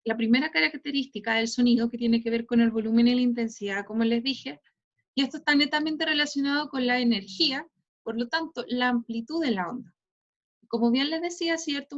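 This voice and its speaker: A woman teacher with a Chilean Spanish accent lecturing an online class, ending nearly every phrase with a questioning tag. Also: fairly high pitch. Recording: dull lo-fi online class audio.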